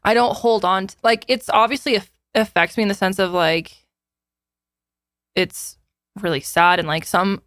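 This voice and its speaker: A woman's voice: medium pitch, fairly even intonation, normal speed, a bit bright, no echo, studio quality. A woman in her twenties co-hosting a podcast, chatting casually and filling her talk with "like". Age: 20s. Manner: chatty, fills with "like" often. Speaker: podcast co-host.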